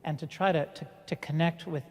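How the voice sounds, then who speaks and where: A middle-aged man speaking on a conference panel, in a somewhat high voice. He tells his story haltingly, repeating words and restarting often. A long hall reverb trails behind him. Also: fairly even intonation, darkish tone. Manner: halting, many restarts and fillers.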